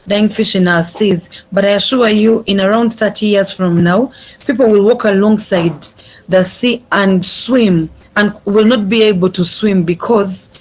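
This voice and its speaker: Young adult, earnest speech, repeats phrases, mid pitch, video call audio. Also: poor audio. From Uganda. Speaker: youth speaker. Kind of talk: prepared speech at an online summit.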